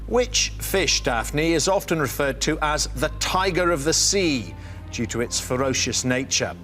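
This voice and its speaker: A man's voice: fairly high pitch, lively intonation, unhurried, a bit bright, faint music behind. Upbeat male quiz show host. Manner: upbeat, theatrical announcing. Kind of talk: studio game-show presenting.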